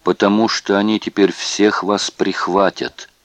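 A man's voice: on the low side, little pitch movement, measured pace, gravelly, dry recording. A man doing a whispering, battered prisoner. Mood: weak, defiant. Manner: whispering through cracked lips. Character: battered male prisoner, weak but defiant.

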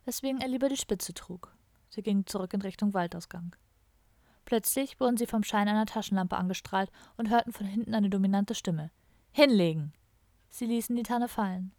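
A woman narrates an audiobook in an even, wry storytelling tone, mid-pitched and steady. The recording is dry and close, with no room sound. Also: fairly quick, dry recording. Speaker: audiobook reader. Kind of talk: scripted narration.

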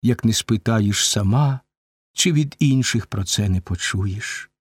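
A man voicing a kindly old nurse with a gentle, soothing delivery. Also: fairly low pitch, takes it slowly, breathy edge, no echo.

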